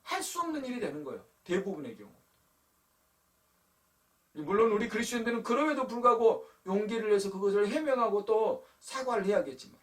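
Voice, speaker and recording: A man's voice: high-pitched, lively intonation, fast talker, hardly any pauses, far from the mic. A man preaching a sermon to teenagers as their pastor, telling a personal story in a conversational way and speaking to them directly. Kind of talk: youth sermon. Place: church sanctuary.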